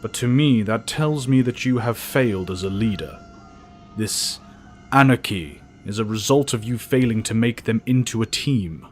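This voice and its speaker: A man's voice: fairly low pitch, animated, normal speed, faint music behind, natural voice. A man playing a stern, authoritative older professor in an audio drama, formal, blunt and commanding. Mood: stern, disappointed.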